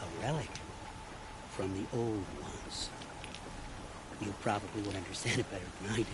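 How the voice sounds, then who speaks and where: A man's voice: fairly low pitch, moderate pace, natural voice. An actor playing a sly, scheming male scavenger in a video game, wheedling and theatrical, over game audio with background noise.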